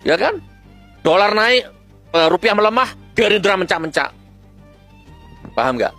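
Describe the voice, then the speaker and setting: A man delivering a scornful, fiery rant with sudden high-pitched outbursts. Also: sing-song, unhurried, vocal fry, sharp tone, faint music behind. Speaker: preacher-style political commentator. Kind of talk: ranting monologue.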